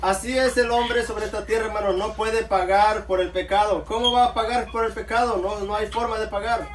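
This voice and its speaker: A man preaches a sermon, calling his listeners brothers and often answering himself with amen. His high-pitched voice is brisk with fairly even intonation. The mic is far off in an echoey room with faint background noise.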